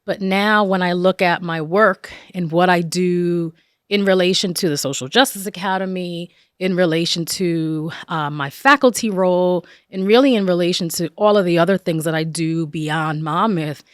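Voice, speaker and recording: Low-voiced woman from northern New Jersey. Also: clean tone, no echo, clean studio sound. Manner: thoughtful, many filler pauses. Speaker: guest. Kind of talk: interview storytelling.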